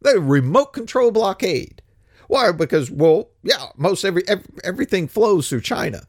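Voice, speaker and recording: A man's voice: sits high, sing-song, moderate pace, no echo, studio quality. A man giving a rambling, sarcastic political monologue as the show's host, chuckling to himself and drifting between points. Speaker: political commentator.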